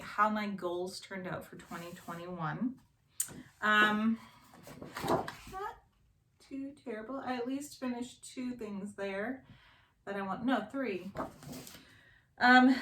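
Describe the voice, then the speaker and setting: A woman's voice: medium pitch, pushed and bright. A woman in her thirties chatting casually as a knitting vlogger, rambling and correcting herself with lots of fillers. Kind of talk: casual show-and-tell chat. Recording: echoey room with faint noise.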